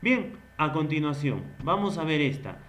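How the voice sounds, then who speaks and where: A man's voice: a little high, very animated, a bit bright. A man teaching a grammar lesson. He asks questions and then answers them himself. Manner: slow, stretched-out explaining.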